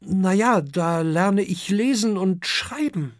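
A man's voice: high-pitched, lively intonation, takes it slowly, no echo, studio quality, pitched above the performer's own voice. A man doing a polite young dragon son. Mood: polite earnest. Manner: polite, hesitant.

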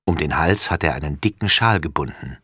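A man reading a children's storybook aloud in an expressive way. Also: extremely low pitch, fairly quick, slightly rough, no room sound, studio quality. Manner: expressive, lively. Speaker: narrator.

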